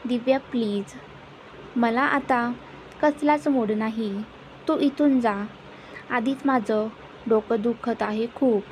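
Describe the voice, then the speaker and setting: A woman's voice: a little high, slow pace, long pauses, a little mellow, slight background noise, poor audio. A woman reading the lines of a troubled young man who speaks curtly. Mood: irritated.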